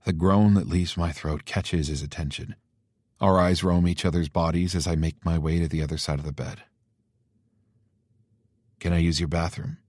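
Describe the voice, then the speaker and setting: Deep husky male audiobook narrator. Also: steady tone, fairly quick, a little mellow, no room sound, studio quality. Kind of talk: first-person romance narration.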